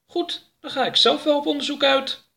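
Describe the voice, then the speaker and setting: A man voicing a small, curious, impulsive male alien explorer in a storybook reading, with a high, excitable delivery. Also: creaky, heavily acted. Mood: eager. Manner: high, excited, quick-tempered.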